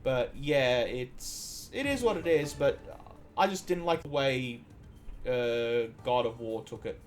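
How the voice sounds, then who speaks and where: A man's voice: medium pitch, animated, slow pace, a little hiss or hum. A man from Iceland streaming a game, chatting casually and drifting into long trivia asides with frequent restarts. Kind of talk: casual gameplay commentary.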